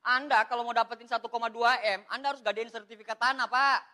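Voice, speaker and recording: A man giving a lively, joking motivational talk, repeatedly addressing his audience as "Pak". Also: extremely high pitch, fast talker. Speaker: MLM motivational speaker.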